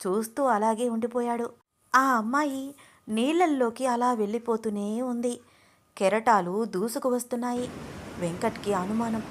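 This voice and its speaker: Expressive woman storyteller, higher voice. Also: slight background noise. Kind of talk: scripted story narration.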